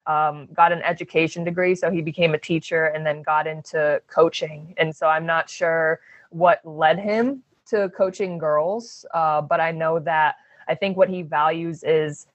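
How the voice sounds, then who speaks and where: A woman's voice: deep voice, fairly even intonation, unhurried, dry recording. A young woman from Arizona, a basketball player, answering interview questions in an earnest, reflective way with lots of fillers.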